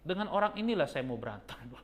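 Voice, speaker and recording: A man, a pastor preaching a sermon with lively storytelling that jumps to a high, excited pitch. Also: fast talker.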